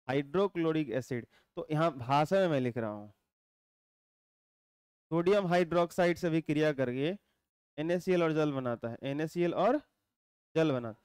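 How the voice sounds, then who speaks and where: A male teacher, giving a chemistry lecture, explaining slowly and repeating points while quizzing his students. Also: a little high, a little mellow, clean tone, no echo. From India.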